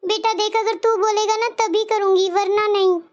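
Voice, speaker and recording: A woman's voice: very high-pitched, flat delivery, moderate pace, muffled recording. Woman doing a scheming old mother-in-law. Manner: sweet-talking, wheedling. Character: scheming elderly mother-in-law who plays favourites.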